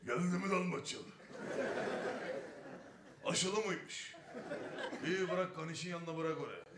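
Man putting on a tired village man, rural North Aegean accent, offhand, echoey stage, loud audience. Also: sits high, a little slow, very noisy. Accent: rural North Aegean Turkish.

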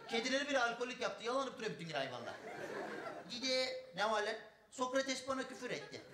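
A man's voice: high-pitched, voice pushed up. A comedian playing a crude, rambling old village man with a rural North Aegean Turkish accent in a stand-up bit. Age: older. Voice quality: broad rustic drawl, scolding and bawdy. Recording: echoey stage recording, audience noise.

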